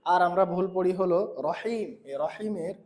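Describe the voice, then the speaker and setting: Man, recitation teacher, high voice, slow careful repetition, echoey room. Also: fairly even intonation, a little mellow, slight background noise. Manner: repeats phrases slowly, correcting pronunciation. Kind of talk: patient tutoring lesson.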